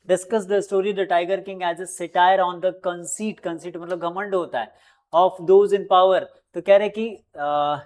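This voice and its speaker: A coaching teacher with an Indian English accent works through exam answers at a measured pitch. The English lines come out slow and deliberate, each one restated in Hindi. The teacher stops to correct small slips aloud. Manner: reads English lines slowly, then explains them in Hindi.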